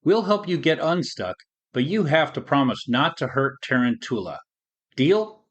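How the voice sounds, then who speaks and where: A man's voice: fairly high pitch, animated, a little slow, highs cut off. A man voicing a brave, friendly young sidekick in a storybook, speaking in a straightforward way. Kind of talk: storybook voice acting.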